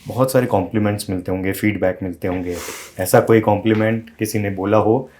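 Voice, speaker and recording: A man's voice: fairly low pitch, fairly even intonation, a little fast, a little mellow, a little hiss or hum. A male interviewer asking brief, prompting questions and giving short acknowledgements.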